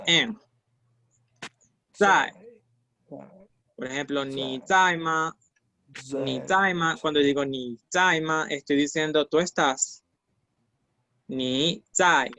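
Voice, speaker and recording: Slow, patient male language teacher. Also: fairly high pitch, bright, forceful tone, no room sound. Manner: patient, repeats syllables slowly for students. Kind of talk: online language lesson.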